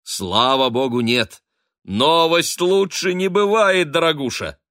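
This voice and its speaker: A man's voice: on the high side, animated, slow pace, fairly bright tone, dry recording, studio quality, pitched above the performer's own voice. A man doing a gushing fussy lady. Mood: excited gushing. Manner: effusive, fussy, teasing. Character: gushing middle-aged lady, matchmaking mistress.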